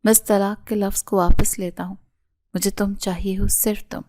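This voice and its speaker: A woman's voice: medium pitch, level tone, mellow, lightly acted. A woman reading the lines of a proud young male doctor who pleads with his wife for forgiveness. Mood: pleading.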